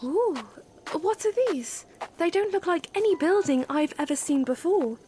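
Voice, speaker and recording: A woman playing a gentle, polite young princess with a hesitant, stammering, courteous manner in an audio drama. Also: very high-pitched, animated, moderate pace, faint music behind. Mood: curious. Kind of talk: fan audio drama acting.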